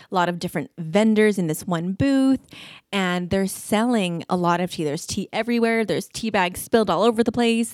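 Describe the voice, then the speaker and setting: A woman's voice: lowish voice, a little mellow, no room sound, clean studio sound. A woman hosting a podcast, talking to listeners in a conversational storytelling way and asking them rhetorical questions. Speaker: podcast host. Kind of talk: casual solo talk.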